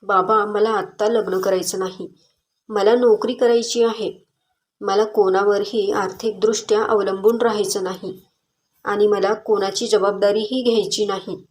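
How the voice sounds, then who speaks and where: A woman's voice: mid-range voice, steady tone, a little slow, natural voice. A woman doing a firm, determined young daughter. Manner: firm, earnest pleading.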